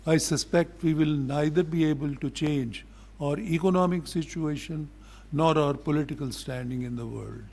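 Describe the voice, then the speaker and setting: Here an older diplomat with a Pakistani accent gives a formal public address, blunt and deliberate, with an admonishing edge. His pitch is fairly high and his tone darkish.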